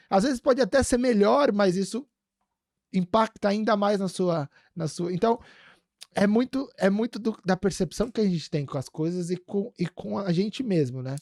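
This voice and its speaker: A man's voice: high-pitched, normal speed, a little mellow, dry recording, clean studio sound. A man hosting a podcast, telling stories in a rambling casual way with many fillers. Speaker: podcast host.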